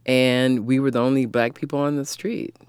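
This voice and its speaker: A woman's voice: rumbling low, steady tone, moderate pace, darkish tone, clear, resonant tone, no echo, studio quality. A woman from Kansas City, recalling her childhood in an earnest, frank way. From Kansas City, Missouri. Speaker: interviewee. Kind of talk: personal recollection.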